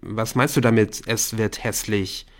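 A man voicing a guarded, uneasy teenage boy who asks slow, cautious, probing questions. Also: fairly low pitch, fairly even intonation. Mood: wary.

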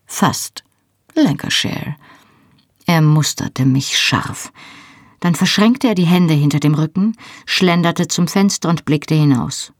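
Audiobook narrator, woman, low husky voice, dry close mic. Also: unhurried, dry recording. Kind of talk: first-person novel narration.

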